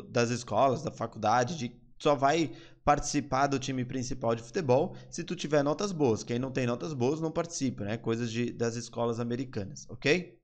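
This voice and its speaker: Brazilian man teaching English live. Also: medium pitch. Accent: Brazilian Portuguese. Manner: explanatory, slowly repeating English phrases. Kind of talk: live online English lesson.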